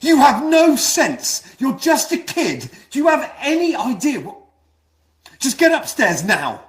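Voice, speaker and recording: An actor playing an angry, troubled father who shouts at his family. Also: extremely high pitch, very animated, unhurried, exaggerated voice. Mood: furious. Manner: shouting, bitter, volatile. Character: angry troubled British father, a police officer.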